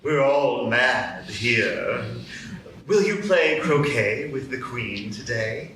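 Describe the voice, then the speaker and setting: A man voicing a grinning, mischievous cat who speaks in slow, riddling tones in a live radio play. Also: mid-range voice, bright, forceful tone, a little hiss or hum. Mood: teasing. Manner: slow, teasing, riddling drawl. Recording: roomy live stage, distant mics.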